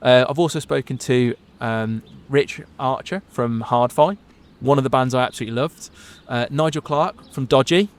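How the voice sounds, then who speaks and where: A man's voice: medium pitch, moderate pace. A man hosting a casual interview, chatty and enthusiastic. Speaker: host.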